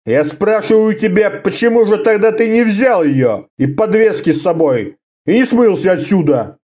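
A man voicing a gruff, blustering old one-eyed warrior who is drunk and slurring. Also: high voice, animated, normal speed, pitched above the performer's own voice. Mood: grumbling. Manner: blustering, loud.

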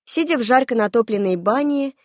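A woman reading a first-person fantasy novel aloud in a lively, expressive narration. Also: a little high, fairly quick, dry recording, studio quality. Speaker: audiobook narrator.

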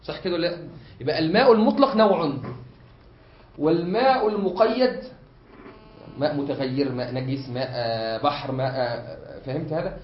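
A man with an Egyptian accent, a sheikh teaching a study circle, explaining step by step, often pausing on drawn-out fillers and checking that his students follow. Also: fairly high pitch, slight background noise. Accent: Egyptian Arabic. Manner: frequent drawn-out hesitation fillers. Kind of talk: classroom lesson. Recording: echoey room, dull lo-fi sound.

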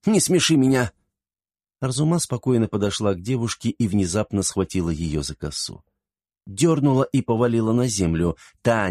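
A man narrating an audiobook in an even, measured reading. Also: lowish voice, no room sound, studio quality. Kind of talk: scripted narration.

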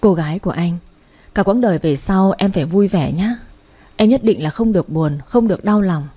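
A gentle young man speaks his last loving words, read by a woman narrator. The voice is mellow and husky, soft and unhurried. It is a storybook reading. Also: fairly low pitch. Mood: tender. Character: dying young man, tender and devoted.

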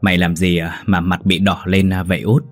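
Một người đàn ông giọng khàn, giọng miền Nam, lồng tiếng một gã trai trẻ say xỉn, lè nhè và ngang ngược. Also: male voice, low-pitched, flat delivery, fairly quick, faint music behind. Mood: belligerent. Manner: slurred, defiant shouting. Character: drunk, belligerent young man, slurring.

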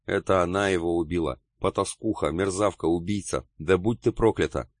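A man's voice: sits low, a little fast, no room sound, clean studio sound. A man voicing a tall, wild old woman who shrieks and accuses in her grief, read as part of an audiobook. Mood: accusing. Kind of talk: audiobook character reading.

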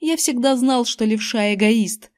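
A woman with a fairly high voice reads a children's story aloud. She narrates expressively, acting out the boy's feelings. It is scripted audiobook narration. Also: unhurried.

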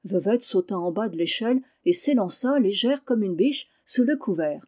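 A woman reading a novel aloud in measured, expressive narration. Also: medium pitch, slightly rough. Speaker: audiobook reader.

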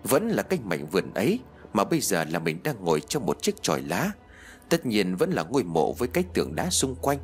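A man tells a spooky story in the first person, his lowish voice rising and falling with animated swings. He voices the other characters by pushing his pitch up. Faint music plays under his narration. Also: brisk. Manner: lively, voicing dialogue with higher pitch. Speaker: audiobook narrator.

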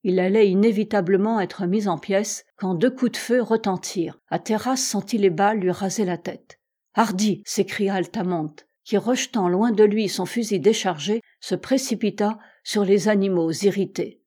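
A woman narrates a classic adventure novel with measured, expressive storytelling. Her voice is mellow and sits at a middle pitch. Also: breathy edge. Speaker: audiobook reader. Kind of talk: scripted narration.

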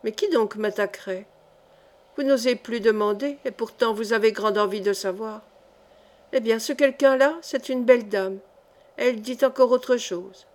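A woman's voice: a little high, normal speed, a little mellow, natural voice. A woman reading the part of a timid, pious young girl with a childlike, innocent manner in an audiobook. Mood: earnest.

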